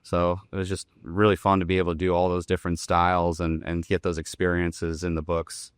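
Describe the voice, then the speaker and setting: A man with a low, smooth, resonant voice recounts a fishing trip with real enthusiasm. His delivery is lively and storytelling. The recording is dry and close. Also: brisk, no echo. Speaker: guest angler. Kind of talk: casual storytelling.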